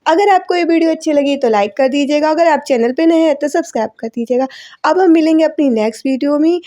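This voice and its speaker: A woman with a fairly high, mellow voice narrates a casual voice-over recap of a TV serial episode. She retells the scenes and speaks the characters' lines as plain quotes. Her tone stays relaxed and warm throughout. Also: quick pace. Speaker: channel host recapping a TV serial. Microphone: voice-over recorded separately from the clips.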